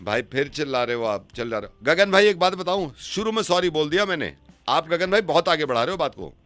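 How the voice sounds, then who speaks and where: A man hosting a radio prank call, switching between begging apologies and loud scolding. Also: a little high, big pitch swings, quick pace, soft background music. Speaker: radio host making prank calls.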